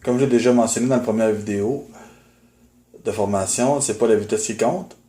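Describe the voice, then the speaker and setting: Patient guitar teacher, roomy sound. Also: male voice, on the low side, normal speed, warm tone. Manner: methodical, patient explaining with frequent "euh" fillers. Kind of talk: instructional video. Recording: roomy, with guitar playing in the background.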